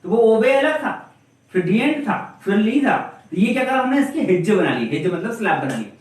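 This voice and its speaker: A man with a high voice teaches a grammar class. He keeps asking questions and answering them himself. His voice rings around a very echoey room and comes from some distance away from the mic. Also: sing-song, brisk.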